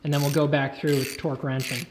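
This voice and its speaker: A man's voice: medium pitch, little pitch movement, fast talker. A man talks casually through an engine job in a garage, cracking jokes and laughing often. His voice sits in a middle register, and faint shop noise runs underneath. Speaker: channel co-host. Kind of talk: casual workshop vlog chat.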